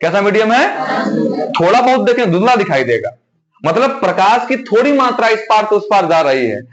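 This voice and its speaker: A male science teacher in a classroom with a whiteboard speaks at a moderate pace in a high voice with big pitch swings. He questions students and repeats key words back to them, and the recording has a dull, lo-fi quality.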